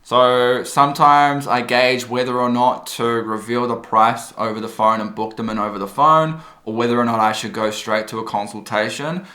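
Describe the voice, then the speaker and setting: Casual Kiwi male vlogger, informal salesman delivery, mid-pitched, roomy sound. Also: steady tone, normal speed, hardly any pauses, bright, forceful tone. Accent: New Zealand. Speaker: vlogger and car detailing business owner. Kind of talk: casual vlog talk and sales calls.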